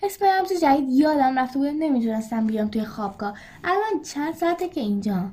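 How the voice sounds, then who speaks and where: A woman's voice: high-pitched, animated, warm tone, voice pushed up. A woman voicing a timid schoolboy who frets and pleads not to be left alone in a read-aloud story. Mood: relieved. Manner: fretful, pleading. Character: timid clumsy schoolboy, scared of being alone.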